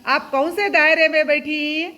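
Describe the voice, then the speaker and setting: Bright high-voiced woman teaching a class. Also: fairly even intonation, a little slow. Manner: asks questions and has the class repeat terms back; mixes English terms into her speech. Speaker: schoolteacher. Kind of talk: classroom lesson to young pupils.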